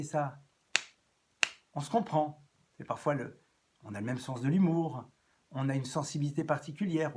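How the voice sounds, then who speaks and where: A man giving an evening lecture as a rabbi, animated, swinging between loud rises and soft drops and repeating phrases as he thinks. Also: medium pitch. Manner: repeats and restarts phrases as he talks.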